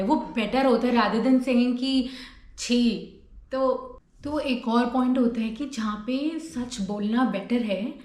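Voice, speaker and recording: A woman's voice: on the high side, a little mellow, echoey room. A woman hosting a self-help video, talking casually and mixing English into her Hindi, acting out short dialogues as examples. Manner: mixes English words into Hindi, acts out little dialogues. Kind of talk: casual advice talk.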